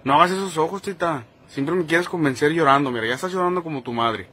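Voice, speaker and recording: A man with a Mexican Spanish accent talks to his dog, gently scolding and pleading as if with a person. His voice is husky and sits a little high. The tone is casual and homey throughout. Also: fast. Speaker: pet owner filming his dog. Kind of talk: casual talk to a pet.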